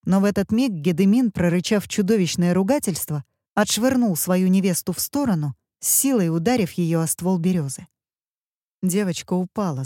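A woman narrating an audiobook in a steady, tense storytelling manner. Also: on the low side, dry recording, studio quality.

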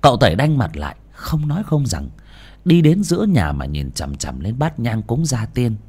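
Animated male ghost-story narrator. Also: mid-range voice, moderate pace, slightly rough.

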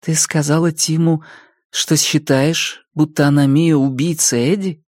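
A man voicing a calm, firm young woman detective in an audiobook, steady and reassuring. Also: on the high side, unhurried, dry recording, clean studio sound, pitched above the performer's own voice. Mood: probing. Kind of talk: audiobook character reading.

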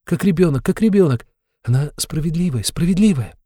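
A man's voice: fairly high pitch, animated, a little fast, warm tone, dry recording, studio quality, voice pushed up. A man voicing a frightened, timid young woman who speaks in a plaintive, trembling way. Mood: anguished.

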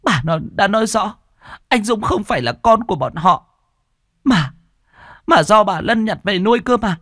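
A man's voice: high voice, animated, moderate pace, bright, forceful tone, no echo, clean studio sound, heavily acted. A man voicing a distraught, remorseful middle-aged wife who pleads and stammers in an audio storybook. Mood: outraged, pleading.

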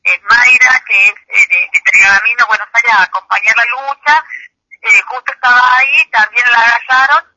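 A woman's voice: a little high, fairly even intonation, normal speed, pushed and bright, no echo. A woman, calling in as an activist and giving testimony hesitantly, with many fillers. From Chilecito, Argentina. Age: 30s. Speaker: activist caller. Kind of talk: phone interview testimony. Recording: muffled noisy phone line.

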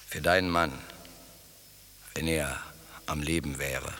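An imperious undying villain of a radio fairy tale. His voice is deep and very slow, drenched in long reverb. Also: fairly even intonation, pushed and bright, exaggerated voice. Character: imperious immortal male sorcerer villain. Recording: long hall reverb, faint hiss.

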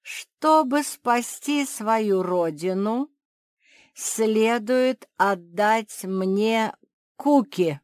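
A woman voicing a scheming old male ant who speaks in slow, coaxing, drawn-out phrases. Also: on the low side, expressive, dry recording, studio quality. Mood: sly.

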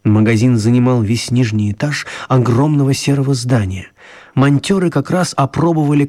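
A male actor plays a storyteller narrating a children's radio tale, using measured dramatic pauses. His mid-range voice is natural and a little mellow, with music in the background.

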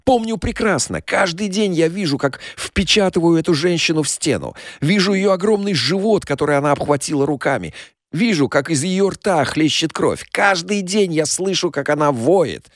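A man voicing a gruff, bullying older ex-cop in an audiobook crime story, harsh and contemptuous. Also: a little high, sing-song, normal speed, few pauses, no echo, clean studio sound. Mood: anguished. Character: menacing older male ex-cop, gruff stepfather.

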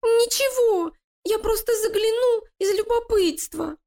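A woman's voice: very high voice, a little slow, warm tone, pitched above the performer's own voice. A woman voicing a small frightened male rat who whimpers and pleads. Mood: scared.

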